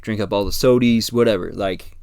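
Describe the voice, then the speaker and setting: Low-voiced rambling American podcast host. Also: male voice, fairly quick, gravelly, clean tone, dry recording. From United States. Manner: rambling, relaxed, many fillers and restarts. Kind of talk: casual solo podcast chat.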